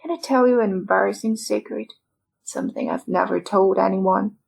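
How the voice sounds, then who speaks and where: A woman voicing a frail, dying male writer who speaks in a soft, half-whispered, weary and rambling way. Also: medium pitch, moderate pace, vocal fry, husky. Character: frail dying middle-aged male writer, self-deprecating.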